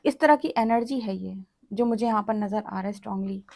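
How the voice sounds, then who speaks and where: A woman's voice: medium pitch, a little fast, creaky, a little mellow. A woman giving a tarot reading in a direct, lecturing way, often checking in with the listener. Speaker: tarot reader.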